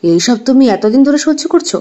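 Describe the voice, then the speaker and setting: A woman's voice: high voice, animated, fairly quick, warm tone. A woman voicing a caring young male doctor in an audio story, earnest and reassuring. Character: young man, caring doctor, devoted suitor. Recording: dull lo-fi recording.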